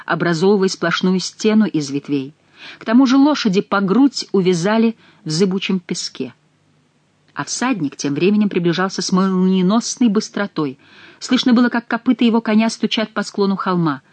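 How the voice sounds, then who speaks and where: A woman narrating an audiobook in a steady, expressive reading. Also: mid-range voice, normal speed, no echo.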